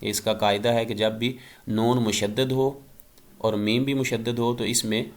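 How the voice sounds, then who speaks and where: A man's voice: medium pitch, flat delivery. A man giving an exam-prep lecture as an Arabic teacher, explaining patiently and drawing out letters and Quranic words to demonstrate how they sound.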